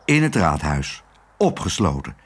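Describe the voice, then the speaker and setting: A man voicing a cross, bossy male crow who talks quickly and scolds. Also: rumbling low, sing-song, slightly rough, pitched below the performer's own voice, heavily acted.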